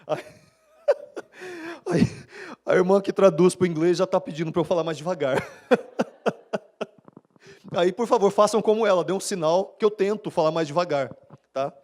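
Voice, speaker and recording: A Brazilian pastor preaches a live sermon at a church service. He talks fast and conversationally, and his man's voice sits slightly high. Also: a little mellow. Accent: Brazilian Portuguese.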